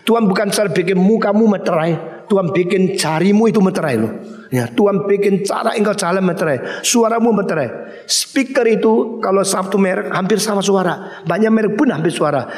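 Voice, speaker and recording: An older man from Indonesia preaching a sermon as pastor, animated storytelling that acts out dialogue with sudden high bursts. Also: fairly quick, reverberant.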